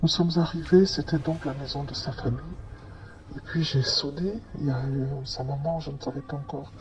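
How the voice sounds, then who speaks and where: A man's voice: a little high, fairly even intonation, fairly quick, darkish tone, highs cut off. A man telling a first-person story in a hesitant way, with many fillers and restarts. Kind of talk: first-person testimony narration.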